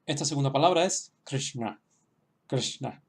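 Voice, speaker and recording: A man's voice: mid-range voice, a little mellow. Hesitant man teaching a lesson. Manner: hesitant, many restarts and fillers; slow, explanatory. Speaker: language teacher. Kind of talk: online lesson.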